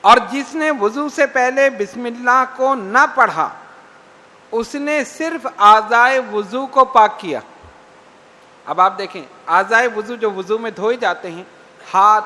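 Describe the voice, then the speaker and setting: A man preaching with a very high, bright voice. He delivers slow, emphatic lines and recites hadith. His voice echoes with a long reverb. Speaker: Islamic preacher. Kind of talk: sermon.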